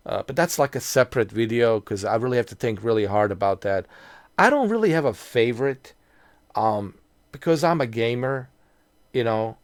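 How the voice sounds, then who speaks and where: In a casual, nostalgic vlog, a man in his mid-forties talks to his audience at a normal speed with lively intonation and a medium pitch. The recording has no echo, and his rambling delivery is full of fillers and false starts.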